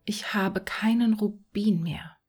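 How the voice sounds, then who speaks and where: A woman voicing a selfless, sorrowful prince statue in a whispered role-play, gentle in manner. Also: mid-range voice, slow pace, slightly rough.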